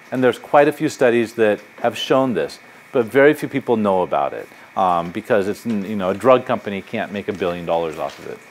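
There's a little hiss or hum behind this middle-aged man's fairly low voice. A psychology professor, he delivers a public lecture in a university lecture hall, fielding audience questions in a conversational, anecdotal way with lots of gesturing.

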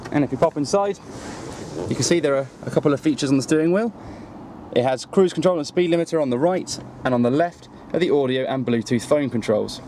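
A man's voice: fairly high pitch, a little fast, dark tone, slight background noise. A man with a Welsh accent, presenting a car in a scripted walkaround on an outdoor dealership forecourt. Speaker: car salesman presenting a vehicle.

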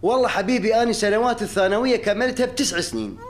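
A man's voice: high-pitched, very fast, background noise, natural voice. A man with an Iraqi accent playing a cheeky, complaining taxi-office worker in a comic sketch. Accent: Iraqi Arabic.

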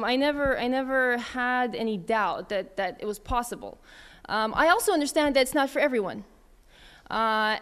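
A woman's voice: a little high, clean tone. A woman in her thirties from Russia, an English teacher, giving a casual, chatty talk at a conference with many fillers and restarts. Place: conference hall.

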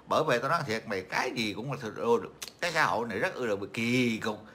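A man's voice: mid-range voice, expressive, fast, bright, forceful tone, a little hiss or hum. A middle-aged man from Vietnam hosting a casual livestream chat, rambling and mocking, with many fillers and repeated words. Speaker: livestream host.

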